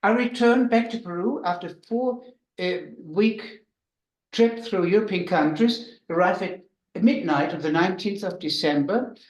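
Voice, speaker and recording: A man with a German accent, a doctor telling anecdotes to an audience in a halting way with dry humor. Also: high voice, roomy sound, rough recording. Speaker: missionary doctor giving a talk. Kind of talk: storytelling talk to an audience.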